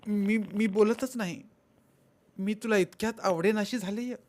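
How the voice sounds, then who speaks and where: A reproachful young pregnant wife in a storybook reading, put on by a male reader. Her voice rides high and slow, full of pleading questions. The delivery stays unhurried throughout. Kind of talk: audiobook character voice.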